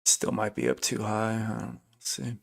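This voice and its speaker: Thinking aloud on his trading stream, the man talks with a level tone at a moderate pace, his voice on the low side, slightly rough and fried. He's chatty, restarts often, and calls out chat names while replying to viewers.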